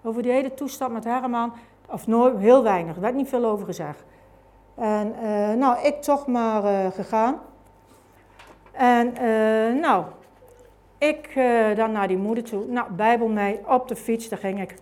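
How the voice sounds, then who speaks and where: A woman's voice: fairly high pitch, unhurried, darkish tone. A woman telling her personal faith testimony in a conversational way, full of fillers and tag questions. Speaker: speaker giving a testimony. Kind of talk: personal testimony told as a story.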